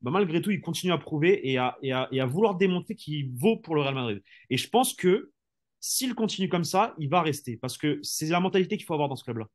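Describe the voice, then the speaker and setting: A man's voice: fairly high pitch, animated, brisk. A man, a sports journalist, arguing his points in a casual football debate with rhetorical flourishes and frequent conversational fillers. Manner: argumentative, rhetorical, fills speech with "tu vois".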